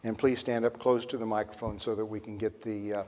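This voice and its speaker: An older man, the moderator of a lecture series, reads a speaker's introduction from a sheet at a podium microphone in a measured way. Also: lowish voice, level tone, a little mellow. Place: large hall with seated audience. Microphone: podium mic on a stand. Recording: long reverb in a hall.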